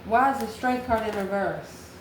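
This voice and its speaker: At a normal speed and with a mid-range voice, a tarot channel host gives the viewer a casual reading, musing as she goes and replying to her own questions. Steady background noise fills the echoey room.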